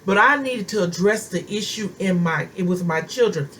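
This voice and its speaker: A woman's voice: medium pitch, lively intonation, normal speed, a bit bright, slight background noise, low-quality recording. A woman preacher giving an informal, fervent sermon to her viewers, talking conversationally and repeating phrases for emphasis. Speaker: preacher and self-styled prophetess.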